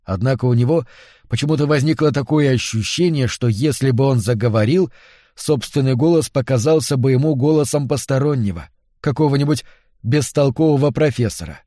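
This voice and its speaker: A man narrating a novel as an audiobook, in a measured, even reading. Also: medium pitch, no echo, clean studio sound. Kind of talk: scripted literary narration.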